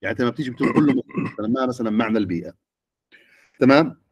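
A man's voice: mid-range voice, animated, very fast, slightly rough, no room sound. A middle-aged man, lecturing teachers and often checking with the audience. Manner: questioning the audience.

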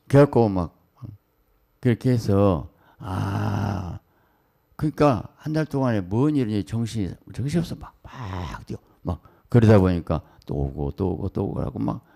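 A middle-aged man, a senior pastor preaching at a dawn prayer service in a hurried, excitable way, full of quick exclamations and asides. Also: low voice, vocal fry.

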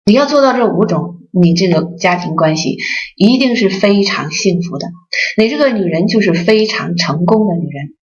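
A woman who heads a Buddhist association, giving a dharma talk with lively storytelling and acted-out voices, in a dull lo-fi recording. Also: medium pitch, moderate pace.

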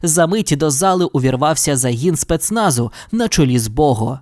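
A woman narrating an audio storybook in an expressive, animated way. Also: deep voice, moderate pace, dry recording, studio quality.

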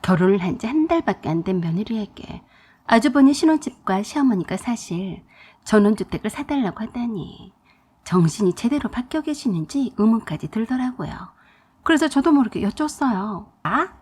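Young adult woman storyteller, higher husky voice, exasperated first-person telling. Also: very animated, normal speed, a little mellow. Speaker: narrator.

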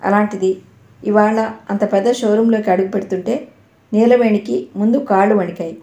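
A woman narrating a novel in a steady, expressive reading style, in an echoey room. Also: mid-range voice, normal speed. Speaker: audiobook narrator.

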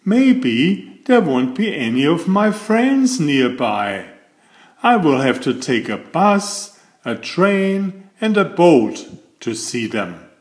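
An older man who reads children's books and hosts shares a story with lively pitch and an expressive read-aloud style. He takes it slowly and deliberately, and the room has a slight echo.

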